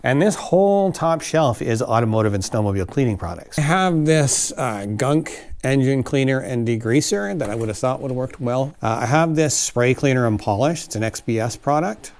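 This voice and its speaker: A Canadian man hosting a how-to vlog, chatty and self-mocking, working in his garage. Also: moderate pace. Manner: chatty and self-mocking, lively swings in pitch. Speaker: host.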